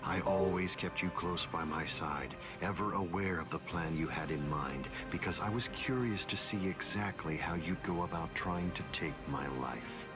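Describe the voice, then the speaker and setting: An actor playing a calm, arrogant male mastermind who speaks in a cool, measured, condescending tone in a video game cutscene. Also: sits low, close to an everyday voice. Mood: cold disdain. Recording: game audio with loud music. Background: loud music.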